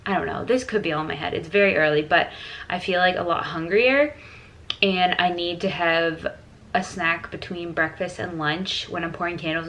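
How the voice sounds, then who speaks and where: A chatty young woman talks casually to camera from home, her voice sitting a bit low. She is early in pregnancy and fills her talk with "like" and "freaking". There is faint noise behind her. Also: fairly bright tone, rough recording. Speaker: vlogger.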